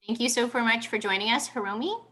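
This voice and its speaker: Woman moderator on a video call; higher, bright voice, brisk with fillers. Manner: brisk, with frequent ums. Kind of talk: hosting a video panel.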